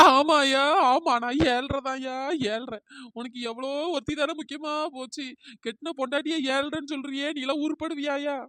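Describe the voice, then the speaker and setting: A voice actor playing a suspicious, dramatic young wife in a comic cartoon, wailing and accusing through a pitch-shifted cartoon voice. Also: fairly even intonation, moderate pace, fairly bright tone, dry recording. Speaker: cartoon character.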